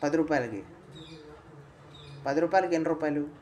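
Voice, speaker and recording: A man's voice: a little high, moderate pace, darkish tone, dull audio, a little hiss or hum. A man quizzing a young boy in a casual way, coaxing him along and repeating his answers back, then dictating lines phrase by phrase for the boy to repeat.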